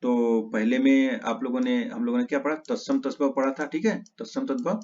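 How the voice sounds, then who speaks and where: A male teacher giving an exam-prep lesson, reciting word pairs in quick lists and correcting his own slips. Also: mid-range voice, fairly even intonation, darkish tone. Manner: rapid list recitation with self-corrections. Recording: slightly dull lo-fi audio.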